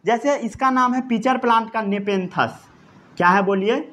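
A man's voice: sits high, moderate pace, sharp tone. A man with an Indian accent teaching a science lesson, repeating each point, quizzing the class and dictating notes. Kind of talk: classroom lecture.

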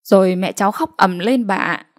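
Woman narrator, mid-pitched, steady storybook reading. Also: moderate pace. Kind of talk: scripted audio-story narration.

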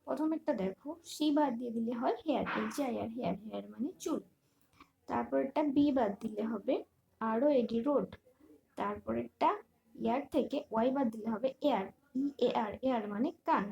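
Lady teacher spelling english words slowly for kids, kinda high voice, mellow and soft. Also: gravelly, rough recording. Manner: spells words letter by letter, then gives meanings; slow, deliberate dictation. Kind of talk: reading out an English workbook lesson.

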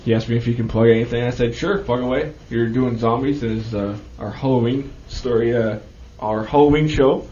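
A man's voice: medium pitch, steady tone, brisk, hardly any pauses, warm tone. A man hosting a radio show in a casual, rambling way from the studio. The sound is dull and roomy, with faint noise behind him. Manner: loose, rambling questions. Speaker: radio host.

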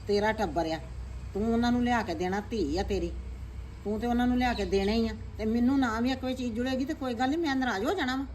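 A woman playing a stubborn older mother in a family drama, sulky and sharp-tongued. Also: fairly high pitch, fast talker, slight background noise, natural voice. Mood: sulking. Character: stubborn aging mother, easily offended. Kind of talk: scripted village family drama.

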